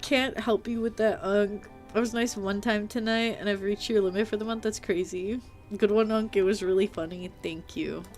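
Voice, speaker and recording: A woman's voice: mid-range voice, moderate pace. A woman streams a game and chats casually with her viewers. She sounds playful and teasing, pokes fun at herself, and fills her speech with "like." Faint game music plays behind her. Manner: animated, with frequent filler "like" and mild swearing. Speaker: live streamer. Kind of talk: casual live-stream chat while playing a game.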